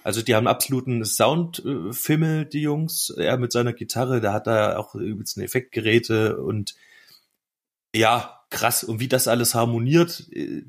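A man co-hosting a casual music podcast explains things in colloquial language, often tacking on tag questions. His voice is medium in pitch and his speed is normal.

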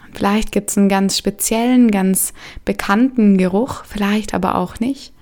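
A woman leading a guided meditation in a soft, soothing way, leaving gentle pauses between phrases. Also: medium pitch.

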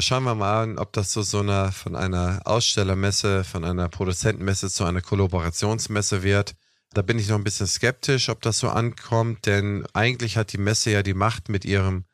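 Low-voiced young man, chatty. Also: steady tone, moderate pace, dry recording. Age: young adult. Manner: chatty, explanatory, with fillers like "ne?" and "was weiß ich". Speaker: podcast host. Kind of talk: casual talk show discussion.

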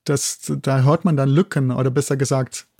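A university zoologist from Germany with a German accent explains things as an expert interview guest, phrasing hesitantly and using frequent tag questions. His mid-range voice is steady, warm and moderately paced, recorded cleanly in a studio with no room sound.

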